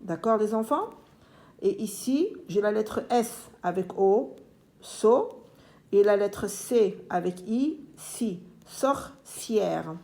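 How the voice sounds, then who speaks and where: A woman teaching young children to read, slowly and deliberately repeating each syllable and word, gently firm with her pupils. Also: mid-range voice, lively intonation, vocal fry. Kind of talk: phonics lesson for young children.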